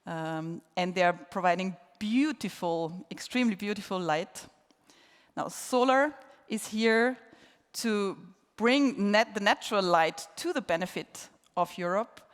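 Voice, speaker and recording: A woman's voice: mid-range voice, measured pace. A woman heading a solar industry group, giving an enthusiastic conference speech and repeating words for emphasis. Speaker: head of a solar industry association, introducing the speaker. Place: large conference hall. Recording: long hall reverb.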